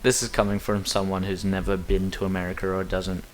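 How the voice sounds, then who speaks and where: Rambling over his gameplay, a young Aussie with an Australian accent chats through a speedrun in casual commentary, full of self-deprecating asides. His low voice shows little pitch movement and runs a little fast, with slight background noise in the recording.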